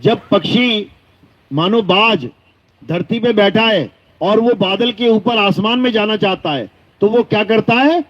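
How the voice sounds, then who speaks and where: A man giving a devotional discourse as a spiritual teacher, slowly chanting verses and then explaining them plainly. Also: high voice, a bit bright. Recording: dull lo-fi recording.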